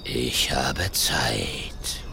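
A man voicing a huge menacing male Tyrannosaurus with a rumbling growl, gloating over prey. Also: animated, very slow, vocal fry, background noise, exaggerated voice. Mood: grumbling.

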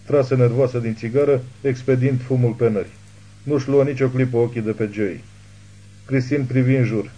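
A man reading a thriller novel aloud as an audiobook narrator, in steady scripted narration. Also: mid-range voice, muffled recording.

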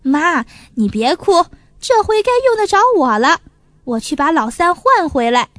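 A man's voice: very high voice, big pitch swings, fairly bright tone, no echo, full character voice. A woman voicing an eager, dutiful young brother who offers to take his brother's place. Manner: quick, eager.

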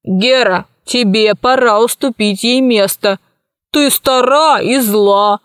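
A fussy, indignant fat man voiced by a woman reader blusters to defend his daughter. The voice stays fairly high and unhurried, in a dry, close recording. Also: smooth, no echo. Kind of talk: audiobook character voice.

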